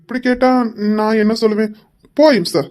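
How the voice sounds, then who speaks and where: A woman's voice: fairly high pitch, fairly quick, darkish tone, natural voice. A woman voicing a busy young police husband who brushes off his wife with teasing banter, in a fan audio drama. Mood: dismissive. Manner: dismissive, bantering.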